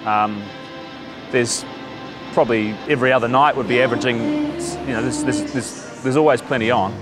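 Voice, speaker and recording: A man who works at a brew bar, talking upbeat in a documentary interview and listing things quickly. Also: medium pitch, fairly even intonation, over loud music. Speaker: brewery staff member.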